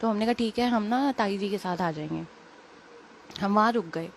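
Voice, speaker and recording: A young woman, a little unwell, telling a personal story in quick, rambling, casual talk full of fillers. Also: mid-range voice, a little hiss or hum. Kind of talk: casual spoken testimony.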